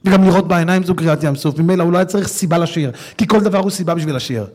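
A man giving an animated sermon to an audience, dropping to a hush and then breaking into loud, laughing exclamations. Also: high voice. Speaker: religious speaker.

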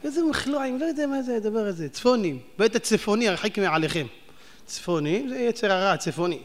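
A man preaching a sermon, animated and firing rhetorical questions at his audience. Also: high voice. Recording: long hall reverb.

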